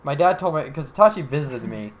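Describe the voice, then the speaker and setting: A man's voice: fairly high pitch, expressive, fairly quick. A young man from Alabama co-hosting a casual podcast, joking around, swearing freely and rambling. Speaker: podcast co-host. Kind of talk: casual chat.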